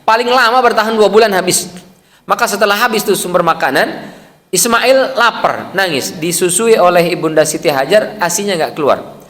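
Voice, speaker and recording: A man's voice: fairly high pitch, a bit bright. A man giving an after-dawn mosque sermon, telling anecdotes in a humorous, conversational way. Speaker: Islamic preacher. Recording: long mosque reverb.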